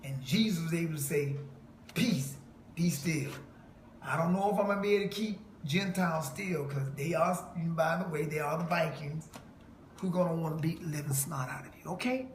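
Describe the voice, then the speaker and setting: A self-styled preacher with a slightly high voice delivers a brisk, emphatic monologue to a listener, quoting scripture and laughing mockingly. The recording is in an echoey room with faint noise.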